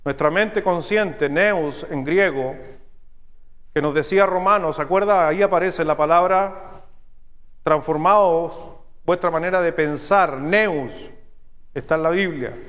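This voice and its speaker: A man with a Chilean accent preaching a sermon as pastor, teaching step by step and checking in with his listeners through quick questions. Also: a little high, fairly bright tone, long reverb tail. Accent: Chilean Spanish. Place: church sanctuary.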